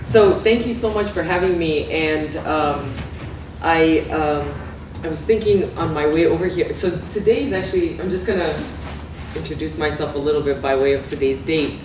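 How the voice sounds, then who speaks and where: A woman's voice: low-pitched, moderate pace, background noise. A middle-aged woman from Romania giving an academic lecture, talking conversationally with many fillers and restarts. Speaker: guest lecturer. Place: lecture room. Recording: echoey room from far off.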